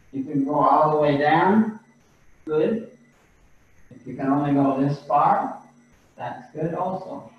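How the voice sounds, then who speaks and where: A man leading a qigong exercise class over a video call, giving calm, patient breathing cues. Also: fairly high pitch. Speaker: qigong instructor. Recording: echoey distant video-call audio, dull and lo-fi.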